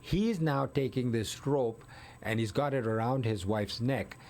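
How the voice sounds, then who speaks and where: A man with a medium-pitched, somewhat dark voice talks a little slowly. As a guest in a casual conversation, he retells a murder case in step-by-step detail, stopping to correct himself and filling pauses.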